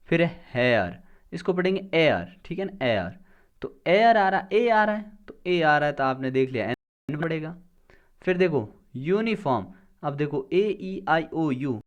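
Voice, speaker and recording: Male teacher, slightly high voice, takes a grammar lesson one step at a time, asks a question and answers it himself. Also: muffled recording. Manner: sounds out words slowly. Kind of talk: exam-prep grammar lesson.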